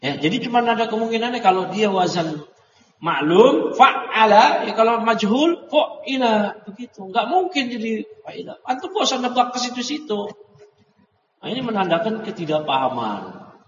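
A man's voice: high-pitched, sing-song, normal speed, recorded from a distance. A man teaching a classroom grammar lesson, translating a text phrase by phrase and correcting his students, with frequent "ya" and "nah" fillers. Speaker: religious teacher. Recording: dull echoey hall recording from afar.

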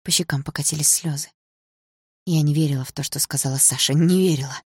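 A woman's voice: deep voice, fairly even intonation, fast, breathy edge, no room sound. A woman narrating a first-person audiobook in an intimate, tense storytelling manner. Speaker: audiobook reader.

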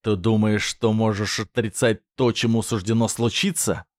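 A man voicing a menacing, possessive man who speaks slowly in a low, threatening tone. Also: steady tone, a little mellow, no echo, clean studio sound, close to an everyday voice. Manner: slow, low, threatening delivery.

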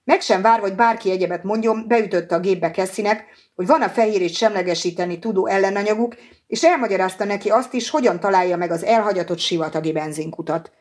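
A woman narrating a thriller audiobook in an even, clear storytelling manner. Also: medium pitch. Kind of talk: scripted narration.

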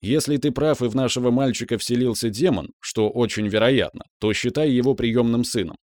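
A man's voice: mid-range voice, fairly quick, darkish tone, no echo, clean studio sound, natural voice. A man voicing a stern, commanding older mentor, a veteran mage, in an audiobook. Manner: commanding, matter-of-fact.

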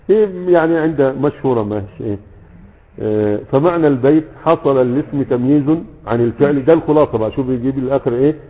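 A man with an Egyptian Arabic accent gives a brisk grammar lecture, talking fast and often breaking off to check that his students follow with quick questions. The sound is tinny and narrow, as if over a phone line, with a long echo around it. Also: medium pitch. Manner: keeps checking in with rhetorical questions. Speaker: grammar teacher. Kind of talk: lecture with a class.

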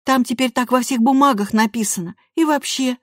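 Storybook teenage girl, high bright voice, pleading and insistent, played by a woman reader. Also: fairly quick, dry recording, studio quality, natural voice. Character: eager, defiant teenage girl wanting to be grown up. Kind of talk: audiobook character voice.

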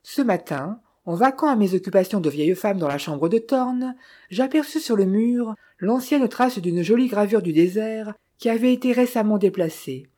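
A woman reading the lines of a small, courteous older male detective in formal, measured speech. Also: medium pitch, expressive, mellow, lightly acted.

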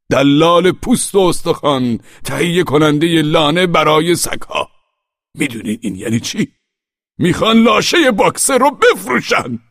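A man voicing a frantic old male donkey in an audiobook, with a raspy, gravelly voice and shrill alarmed shouting. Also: no echo, clean studio sound. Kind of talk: audiobook character voice.

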